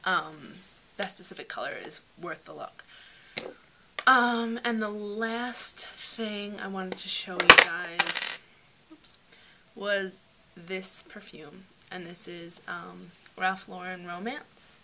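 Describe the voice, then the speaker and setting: A woman's voice: on the low side, slow pace, background noise. A young woman chatting casually through a beauty product review, rambling with plenty of fillers. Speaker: beauty vlogger.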